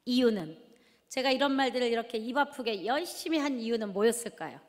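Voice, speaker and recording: A woman's voice: fairly high pitch, brisk. A middle-aged woman from Jeonju, giving a storytelling testimony sermon and asking the audience questions as she acts out scolding. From Jeonju, South Korea. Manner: animated, asks the audience questions and acts out shouting at her children. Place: large church hall. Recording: reverberant large hall.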